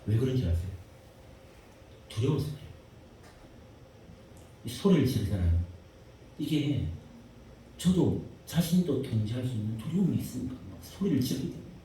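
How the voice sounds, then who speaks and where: A man preaching a sermon as pastor, repeating phrases and swinging between hushed lines and shouts. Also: mid-range voice, big pitch swings, normal speed, pauses often. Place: church sanctuary. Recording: echoey church hall, mic far off, faint hiss.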